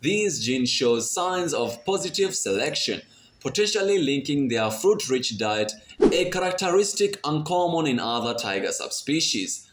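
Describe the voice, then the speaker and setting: A man reading scripted nature documentary narration in a dramatic way with a playful edge. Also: medium pitch. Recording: roomy voice-over, faint noise.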